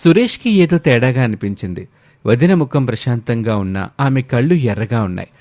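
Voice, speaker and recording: A man narrating a family story in a steady, expressive storytelling manner. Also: mid-range voice, brisk, soft background music.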